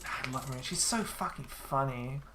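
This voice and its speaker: A woman streaming a game, chatting casually with a friend, swearing freely and filling pauses with ums. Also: extremely low pitch, animated, noisy background. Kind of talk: casual chat while gaming.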